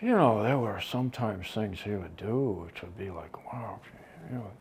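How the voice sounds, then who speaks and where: An older man from Connecticut, a drummer, answering interview questions slowly and haltingly, with many pauses and trailing soft phrases. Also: on the low side, animated, a little hiss or hum. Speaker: drummer interviewed about his band.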